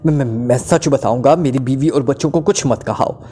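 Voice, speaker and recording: A man's voice: mid-range voice, expressive, moderate pace, warm tone, lightly acted. A man voices a terrified male club owner who stammers and trembles under interrogation, then talks on and on. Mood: frightened.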